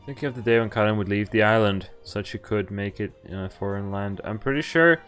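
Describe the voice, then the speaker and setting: With visual novel music in the background, this streamer reads the game's lines and tosses in dry, casual remarks between them. He speaks fairly quickly in a lowish, slightly bright voice.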